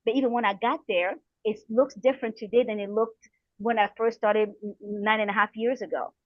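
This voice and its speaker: A middle-aged woman from the Republic of the Congo, working as a coach and counselor, gives motivational advice as an interview guest. Her medium-pitched voice is brisk with fairly even intonation, earnest and encouraging, and she repeats phrases for emphasis. The lo-fi recording has no room sound.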